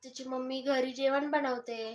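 High-voiced mother coaxing her toddler. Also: little pitch movement, normal speed. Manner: coaxing, keeps prompting the child with questions. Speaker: mother hosting a live stream with her toddler. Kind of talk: casual live-stream chat.

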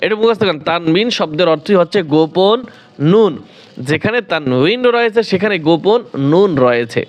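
A man teaching Quran recitation rules in a slow, repetitive lesson. He asks questions, answers them himself, and stretches out recited examples. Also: high-pitched, lively intonation.

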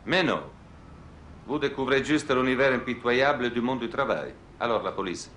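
Un acteur jouant un enquêteur d'assurance pince-sans-rire. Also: male voice, medium pitch, normal speed, a bit bright, a little hiss or hum, natural voice. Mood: dry. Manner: exasperated, bantering. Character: wry middle-aged male insurance investigator. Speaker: insurance expert. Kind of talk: 1980s TV series acting.

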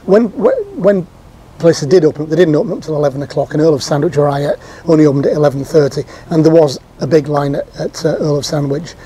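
A man's voice: fairly high pitch, lively intonation, fast talker, warm tone, husky. A man in his fifties giving a casual, chatty recap to camera from an outdoor patio sofa, with frequent ums and restarts. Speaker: theme park vlogger.

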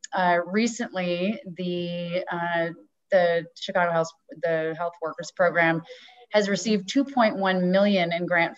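Female vice chair, lowish voice, measured committee report, muffled lo-fi call audio. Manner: measured, with frequent ums. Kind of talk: formal report at an online board meeting. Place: home room on a video call. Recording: dull, lo-fi video call audio.

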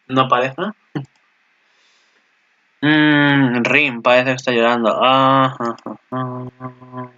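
A young man with an accent from Spain, giving casual anime commentary, excitable and swearing freely while laughing at himself. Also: medium pitch, muffled recording.

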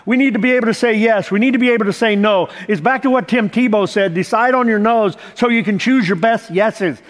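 Middle-aged male pastor, headset mic, sermon with storytelling and rising emphatic points; high voice, long church reverb. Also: a little fast. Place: large church stage with audience.

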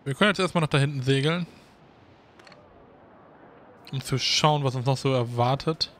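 A man giving casual gameplay commentary as a Let's Play host, thinking aloud in a relaxed, chatty way. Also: mid-range voice, normal speed, slight background noise.

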